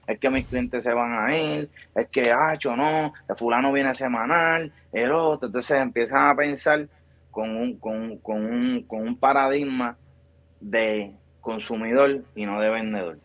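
A man's voice: mid-range voice, measured pace, fairly bright tone, dry recording. A man in his thirties with a Puerto Rican accent, a barbershop founder explaining his business at length in a video call interview. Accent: Puerto Rican Spanish. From Puerto Rico. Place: small room with a bare grey wall. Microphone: video call mic.

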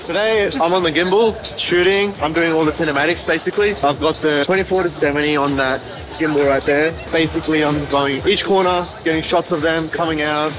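A man working as a videographer, explaining his shooting plan quickly and enthusiastically. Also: fairly high pitch. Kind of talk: casual vlog chat.

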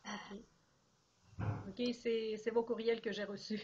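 A woman's voice: fairly high pitch, flat delivery, slow pace, darkish tone, husky, dull audio. Woman moderating an online meeting. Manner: brief, inviting each person to speak. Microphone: video call.

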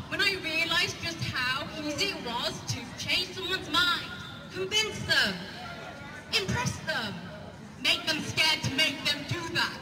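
A woman speaking at an outdoor rally, caught from far back in the crowd, so her very high voice comes through distant and echoey. She is impassioned and emphatic and repeats her phrases. Loud crowd chatter and street noise sit over the recording. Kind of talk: public protest speech. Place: outdoor square before a large stone building. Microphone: camera filming from the crowd, far from the speaker. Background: crowd and passing vehicles.

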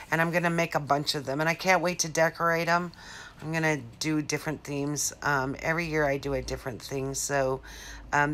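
Speaking from her living room, this fifty-something craft vlogger rambles through a casual DIY tutorial, full of fillers and false starts. She has a low voice with a fairly bright tone.

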